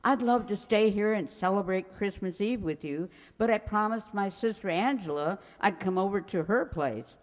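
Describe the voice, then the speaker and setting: In an old-time sitcom revival on the radio, a woman plays a sweet, forgetful elderly landlady who dithers, rambles and fondly reminisces. Her natural, mid-range voice moves at a moderate pace with few pauses, and the sound is very reverberant, like a hall.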